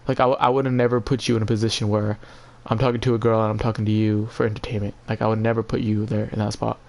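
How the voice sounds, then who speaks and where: A man venting casually on a livestream in an emotionally drained, halting, repetitive and profane way. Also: on the low side, little pitch movement, creaky, a little mellow. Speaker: live streamer.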